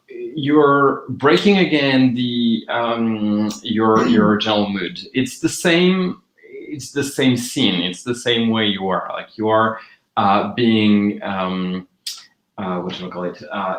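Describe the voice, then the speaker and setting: A man's voice: lowish voice, slow pace. Roomy-sounding man directing a shoot. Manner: explains patiently with many fillers and restarts. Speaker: video director. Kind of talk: directing actors on a video shoot. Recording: echoey room.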